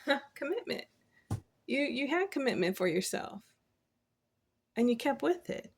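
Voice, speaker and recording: Woman tarot reader, higher breathy voice, upbeat and chatty, encouraging tone. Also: big pitch swings, unhurried. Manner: encouraging, chatty, laughs often. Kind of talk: casual tarot reading. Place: at a desk.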